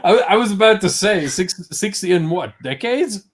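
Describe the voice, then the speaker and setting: A man's voice: high-pitched, animated, moderate pace, noisy background. A young man in his twenties co-hosting a casual livestream chat, hesitant and stammering, laughing often. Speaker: co-host.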